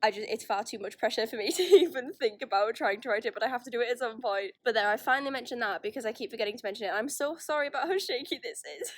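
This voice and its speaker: A woman's voice: a little high, expressive, fast. A young woman chatting casually in a holiday vlog filmed on the phone in her hand, rambling and self-deprecating with frequent restarts. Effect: phone video recording. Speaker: vlogger. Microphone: phone held in hand.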